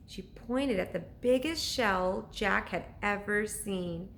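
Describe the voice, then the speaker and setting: Like a teacher with her pupils, a woman reads a children's story aloud with expressive, deliberate narration. Her mid-range voice has vocal fry, and there's a slight hiss or hum on the recording.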